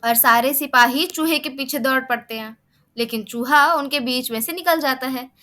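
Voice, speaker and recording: Bright, high-voiced woman telling a kids' story. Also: moderate pace. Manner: expressive storytelling. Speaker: storyteller for children. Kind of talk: children's story narration.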